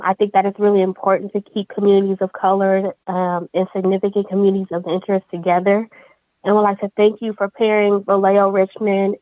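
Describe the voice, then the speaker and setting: A woman from California calling in to public comment, speaking politely and in a measured way. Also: mid-range voice, no room sound. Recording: tinny dry phone line.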